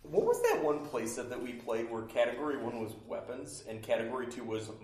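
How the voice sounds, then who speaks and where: A man's voice: medium pitch, sing-song, a little fast, a little mellow, echoey room, slight background noise. A man hosting a podcast and chatting casually at a tabletop game, joking and laughing often. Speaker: podcast host and tabletop player. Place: room shared with several players.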